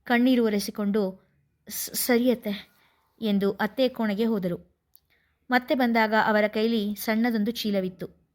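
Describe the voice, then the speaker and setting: A woman reading a serial story aloud as narrator, in a steady, expressive storytelling manner. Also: mid-range voice, moderate pace.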